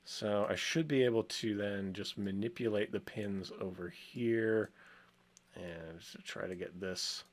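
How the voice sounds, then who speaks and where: A man co-hosting a casual design show, thinking aloud as he works, with frequent ums and soft chuckles. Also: fairly low pitch. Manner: rambling, chuckles often, many ums. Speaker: co-host working in software.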